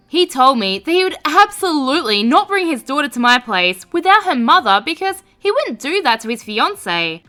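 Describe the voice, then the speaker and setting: Lively high-voiced woman reading stories. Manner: expressive, sarcastic commentary. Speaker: narrator. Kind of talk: reading reddit stories aloud.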